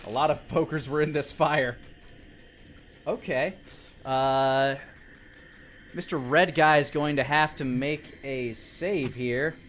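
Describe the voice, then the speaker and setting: A man's voice: a little high, takes it slowly, long pauses, fairly bright tone, a little hiss or hum. A man narrating as dungeon master in a live-streamed tabletop game, describing the scene with fillers and restarts.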